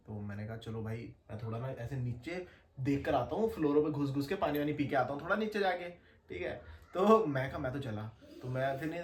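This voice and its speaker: A young man telling a story in casual, slangy chat, animated and laughing as he goes. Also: medium pitch, far from the mic, a little hiss or hum. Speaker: podcast guest storyteller. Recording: echoey room, faint ambience.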